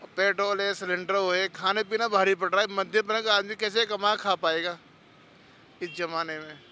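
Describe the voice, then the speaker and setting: A man's voice: sits high, steady tone, normal speed, sharp tone, smooth. A man interviewed on a city street, complaining at length and listing rising prices. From Rajasthan, India. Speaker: street interviewee, day laborer.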